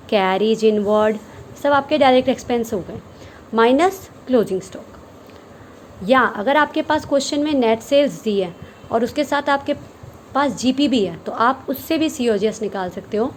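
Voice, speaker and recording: Higher-pitched woman teaching accounts. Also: darkish tone, slight background noise, rough recording. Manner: explains step by step, asks and answers her own questions; mixes English terms into Hindi. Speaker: commerce teacher. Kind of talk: recorded classroom lesson.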